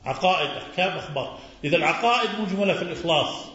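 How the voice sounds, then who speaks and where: A man's voice: a little high, animated, very fast, sharp tone. A man teaching a religious lesson as an Islamic scholar. He answers questions, quizzes his listeners and repeats key words. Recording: very echoey, muffled recording.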